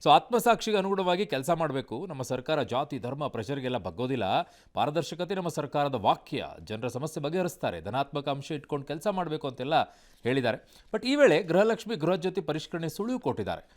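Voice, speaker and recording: Brisk male news co-anchor. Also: fairly high pitch, big pitch swings. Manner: brisk, prompts the senior anchor with short replies. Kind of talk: news presenting and studio chat. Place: TV news studio.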